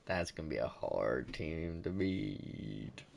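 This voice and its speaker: A man's voice: low-pitched, big pitch swings, slow, vocal fry, darkish tone. A young man in casual gaming chat over a headset, laid-back and dismissive, calling his friends bro. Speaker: online league player.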